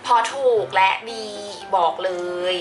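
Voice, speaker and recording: A woman's voice: measured pace, soft background music. A woman beauty vlogger chatting playfully through a makeup tutorial, dropping English product terms into her talk. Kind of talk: casual makeup tutorial chat.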